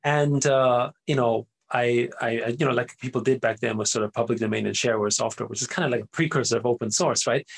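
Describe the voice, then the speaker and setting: This guest entrepreneur is a middle-aged man from Austria whose first language is German. His husky, creaky voice sits at medium pitch and moves fast and steady with few pauses. In loose interview talk he wanders, restarts, uses lots of fillers, and tacks "right?" onto his lines.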